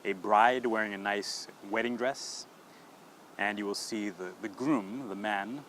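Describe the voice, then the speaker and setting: A man's voice: on the low side, measured pace, fairly bright tone, a little hiss or hum, low-quality recording. A man hosting an English-learning podcast, explaining patiently and checking in often with "okay?". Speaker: English teacher.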